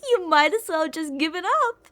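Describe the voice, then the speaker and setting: In an ASMR roleplay, a woman plays an obsessive older female kidnapper, cooing and possessive, doting yet menacing and teasing, using pet names and whispered phrases with theatrical delivery. Her voice is very high, expressive and a bit bright, at a moderate pace.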